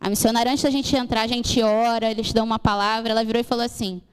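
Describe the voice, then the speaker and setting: A woman's voice: on the high side, flat delivery, quick pace, a little hiss or hum. A young woman giving an earnest testimony sermon in church, acting out dialogue as she tells the story. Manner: earnest storytelling, acts out dialogue, addresses congregation as "gente". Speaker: church speaker sharing mission testimony. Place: church hall. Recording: church hall with long reverb.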